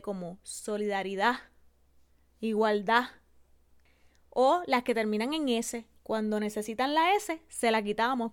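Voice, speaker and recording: A Puerto Rican woman hosting a solo podcast on public speaking, teaching carefully and slowing down to spell out examples. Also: fairly high pitch, a bit bright, clear, resonant tone. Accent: Puerto Rican Spanish. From Puerto Rico. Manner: didactic, slows to spell out examples. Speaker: podcast host.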